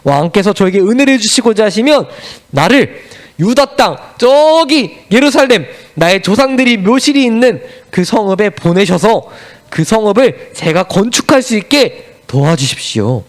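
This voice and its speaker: A man's voice: high-pitched, very animated, moderate pace. A man voicing a humble, pleading cupbearer. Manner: earnest, pleading prayer. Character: humble male royal cupbearer, earnest and pleading.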